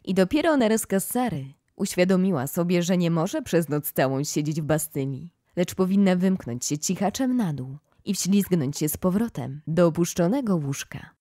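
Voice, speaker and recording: A woman narrating a children's classic audiobook in a calm, measured reading. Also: lowish voice, dry recording, clean studio sound. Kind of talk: scripted narration.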